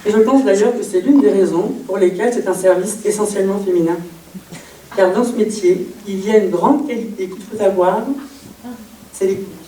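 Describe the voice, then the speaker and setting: A woman's voice: medium pitch, moderate pace, warm tone. Chatty sarcastic woman on a far stage. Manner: chatty, breezy, mock-innocent sarcasm. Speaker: stand-up comedian in character as an HR employee. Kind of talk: one-woman comedy show monologue. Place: theatre stage before a live audience. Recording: echoey room from afar, audience noise.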